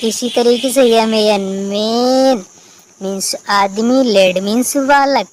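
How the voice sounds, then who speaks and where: Slow, patient woman teacher, spelling letters. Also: fairly high pitch, darkish tone, slight background noise, poor audio. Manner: spells out letters and asks herself questions, then answers them. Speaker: English teacher. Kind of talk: recorded lesson for learners.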